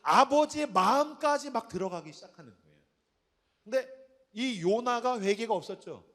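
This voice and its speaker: Man, pastor, high-pitched voice, emphatic conversational sermon, questions to the audience. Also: lively intonation, moderate pace, fairly bright tone. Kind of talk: evening sermon to a young adults group.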